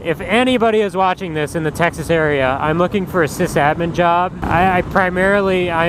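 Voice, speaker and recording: A man in his early twenties with an American accent rambles casually and swears as he thinks aloud, talking inside a motorcycle helmet while riding. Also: on the high side. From Minnesota, United States. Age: early 20s. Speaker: motovlogger. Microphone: helmet mic. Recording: inside a helmet, loud engine and road noise. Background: loud engine and road noise.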